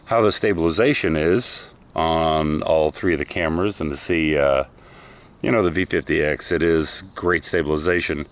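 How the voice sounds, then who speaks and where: A man's voice: very deep voice, moderate pace. A man casually vlogging outdoors about camera gear, chatty and enthusiastic, a bit out of breath, recorded on the camera's own microphone. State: slightly out of breath. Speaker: product review vlogger. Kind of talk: casual talking-head vlog. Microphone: camera's built-in microphone.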